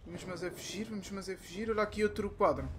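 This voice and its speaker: A young man with a European Portuguese accent, commentating a horror game, muttering to himself and bursting into shouts. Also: sits high, fairly even intonation, fast, faint music behind. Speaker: gaming youtuber.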